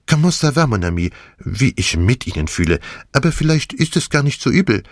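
A man's voice: medium pitch, sing-song, fairly quick, no room sound, studio quality, pitched above the performer's own voice. A man voicing a fussy, theatrical older male detective in an audiobook, talking dramatically and dropping French phrases. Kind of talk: audiobook character voice.

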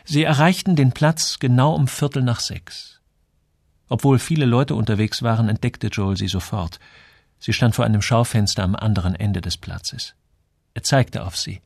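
A man reading a story aloud with expressive storytelling narration. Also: medium pitch, normal speed, vocal fry, dry recording, clean studio sound. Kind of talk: scripted narration.

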